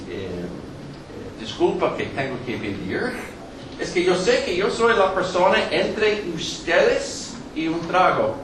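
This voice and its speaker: Delivering a joke-filled public lecture, a middle-aged native English-speaking man from New York talks in a high voice with a strong American accent. He's a guest lecturer who halts often, leans on fillers, and tosses in joking asides. Sound comes through a distant mic in an echoey hall with background noise.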